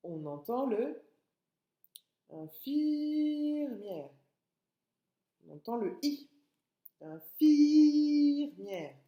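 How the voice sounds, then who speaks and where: A woman teaching a phonics lesson to young children, sounding out each word slowly and stretching the syllables. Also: a little high, very animated, warm tone. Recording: echoey room.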